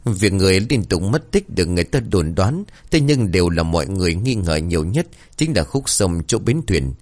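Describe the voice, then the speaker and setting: A man tells a village ghost story in a suspenseful, dramatic way. His voice is deep, yet it moves widely in pitch to build tension. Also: big pitch swings, fairly quick, darkish tone. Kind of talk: dramatic horror story narration.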